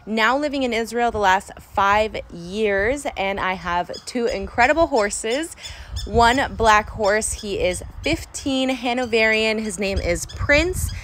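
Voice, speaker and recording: A fairly high, slightly bright voice with lively intonation and a slow pace belongs to a young San Diego woman vlogging about tending her horses at an outdoor barn. She's chatty and enthusiastic, keeps saying "super important," and there's a little hiss or hum in the recording.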